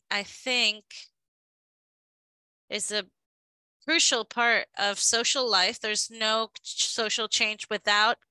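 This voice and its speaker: A woman giving a live interpretation of a panel discussion, halting and often restarting her phrases. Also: mid-range voice, sharp tone, clean tone, dry recording, low-quality recording.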